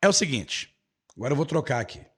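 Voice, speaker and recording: A man with a Brazilian accent teaching English in a live online lesson, repeating every phrase slowly and switching between English and Portuguese. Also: mid-range voice, very animated, husky.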